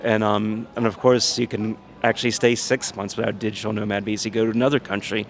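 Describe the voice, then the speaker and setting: A man from Louisiana in the United States, answering interview questions frankly and in a measured way. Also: fairly low pitch, level tone, vocal fry.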